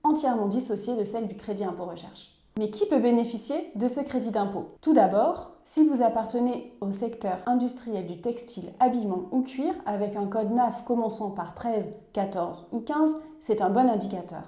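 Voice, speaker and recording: Give me a woman with a slightly high, very mellow voice narrating a clear, instructive explainer in an echoey room. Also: lively intonation, normal speed, few pauses. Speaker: narrator of a tax explainer video. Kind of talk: scripted voice-over narration.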